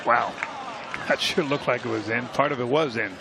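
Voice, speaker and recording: A man's voice: medium pitch, moderate pace, vocal fry. A man giving casual live golf commentary with folksy, plain-spoken reactions to each shot. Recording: loud crowd and outdoor broadcast noise. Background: crowd and outdoor noise.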